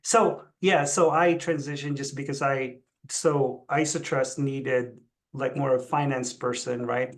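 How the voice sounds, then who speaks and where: A steady, measured mid-range voice belongs to a middle-aged Tagalog speaker from the Philippines. The chief executive appears as an interview guest, telling his own story in a conversational way.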